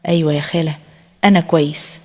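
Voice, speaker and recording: Woman doing a shy young egyptian guy, 23, soft and pleading, quick, kinda breathy. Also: medium pitch, lively intonation. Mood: sad. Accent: Egyptian Arabic. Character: gentle shy young man of 23.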